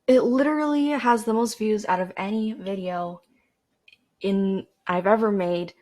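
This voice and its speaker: A young Canadian woman hosts a podcast, rambling casually into a corded desk microphone. Her medium-pitched voice is mellow and measured, and she is chatty and self-deprecating, with fillers and restarts.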